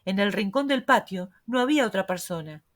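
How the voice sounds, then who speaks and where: Woman reading a calm cocky young reporter guy, no rush at all. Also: mid-range voice, lightly acted. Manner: calm, unhurried, sure of himself. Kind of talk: audiobook reading.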